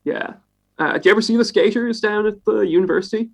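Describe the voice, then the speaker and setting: Male podcast co-host with a high voice; loose, sweary storytelling. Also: fast talker, creaky, rough recording. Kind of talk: casual podcast chat. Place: home, in Edinburgh.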